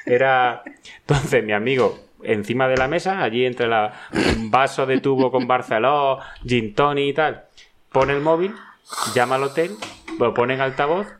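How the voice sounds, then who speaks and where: A man's voice: mid-range voice, normal speed, a little hiss or hum. A middle-aged man telling a funny anecdote in casual chat, laughing often. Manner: animated storyteller, laughs often, acts out shouted quotes. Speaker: podcast guest telling an anecdote.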